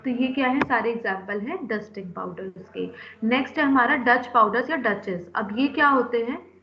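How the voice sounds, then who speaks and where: A woman's voice: on the high side, normal speed, roomy sound, highs cut off. A woman teaching a pharmacy class, explaining step by step, often checking in with the students and mixing in English terms. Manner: explains step by step, keeps asking "है ना?". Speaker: pharmacy lecturer. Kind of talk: classroom lecture.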